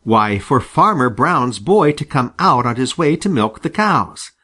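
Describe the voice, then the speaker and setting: A man narrating a children's storybook with a lively, animated reading. His pitch sits mid-range but rises and falls constantly as he tells the tale. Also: unhurried, slightly rough. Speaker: audiobook reader.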